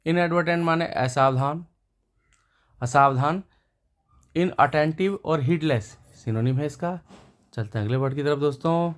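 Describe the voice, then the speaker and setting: A man's voice: a little high, normal speed, pauses often. A man teaching English vocabulary, repeating each word before giving its meaning and synonyms. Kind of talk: explaining words and synonyms to viewers.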